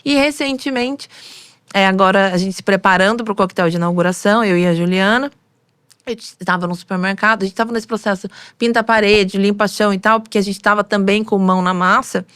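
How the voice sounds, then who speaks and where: A woman's voice: medium pitch, fairly quick, smooth, no echo. A woman, a makeup artist and hairstylist, tells stories from her work in an interview and acts out the voices of the people in them. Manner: animated storytelling, acting out quoted voices. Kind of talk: storytelling in an interview.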